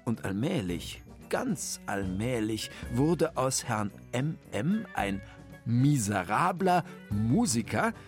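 A storyteller reading a children's story aloud in a lively, expressive way. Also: mid-range voice, slow, faint music behind.

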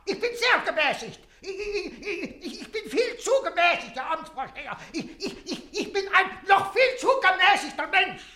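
A querulous, hard-of-hearing old landlord in a radio play. His voice is high, bright and swooping, and he stammers and sputters with outrage. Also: expressive, moderate pace, few pauses, full character voice. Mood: indignant. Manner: indignant, sputtering, stammers in agitation.

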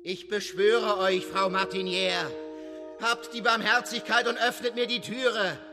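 A man's voice: sits high, steady tone, a little slow. A man voicing a desperate young man who pleads urgently, in dramatic audiobook acting, with long reverb and music behind. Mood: pleading.

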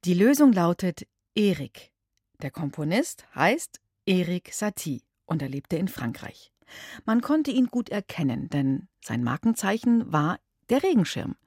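A woman presenting a children's quiz, talking to the listeners in an animated way. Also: lowish voice, measured pace, slightly rough, dry recording, studio quality. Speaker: quiz host.

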